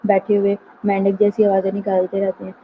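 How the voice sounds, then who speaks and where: A woman teaching a nursing class online, explaining terms patiently and slowing down to read out English definitions. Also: medium pitch, completely flat delivery. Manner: explanatory, mixes English terms, reads slowly from notes. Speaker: nursing lecturer. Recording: tinny phone-like line, faint noise.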